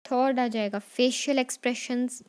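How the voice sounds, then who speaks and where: A woman teacher, going over exam questions in Hindi mixed with English, repeating each point and dictating definitions slowly. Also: on the high side, steady tone, darkish tone, smooth. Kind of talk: exam revision lesson.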